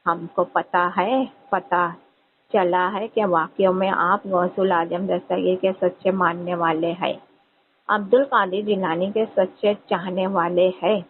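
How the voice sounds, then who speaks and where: Casting: man as a slow, remorseful young wife pleading, tinny recording. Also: high voice, little pitch movement, a little hiss or hum.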